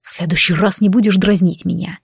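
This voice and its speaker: A woman voicing a brooding, gruff male warrior who speaks in a dry, mocking way, in an audiobook. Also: lowish voice, steady tone, a little fast, dry recording, exaggerated voice. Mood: teasing, gruff.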